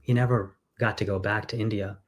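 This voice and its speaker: Fairly quick and fairly even in intonation, this man's voice runs on the low side. He grew up in England and, as a congressional candidate in a conversational interview, tells stories earnestly with many fillers.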